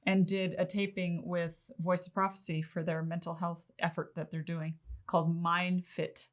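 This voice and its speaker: A soft-spoken, tired woman chatting casually as co-host on a livestream. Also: on the low side, flat delivery, moderate pace.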